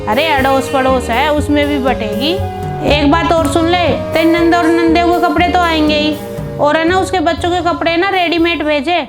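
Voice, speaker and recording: A woman's voice: very high voice, fairly even intonation, moderate pace. A woman voicing a greedy, scornful middle-aged mother-in-law who scolds and insults her daughter-in-law. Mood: scolding. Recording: piano music behind.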